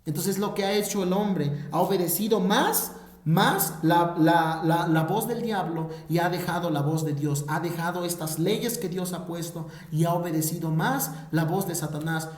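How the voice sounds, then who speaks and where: A man's voice: fairly high pitch, moderate pace. A Mexican man teaching a Bible lesson in an earnest preaching manner, often repeating words as he searches for the next phrase. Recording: echoey room.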